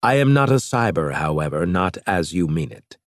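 A man's voice: low voice, very animated, normal speed, no echo, clean studio sound. A man voicing a calculating male alien strategist with a scratchy, clipped, condescending delivery in an audiobook. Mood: cold. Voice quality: scratchy disguised voice. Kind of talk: audiobook character voice.

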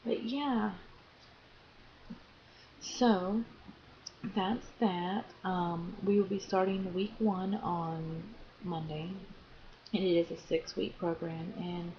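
A young American woman records a casual video diary, speaking informally and haltingly with drawn-out pauses. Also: lowish voice, creaky. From Florida, United States. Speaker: vlogger. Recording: dull lo-fi sound, faint background noise.

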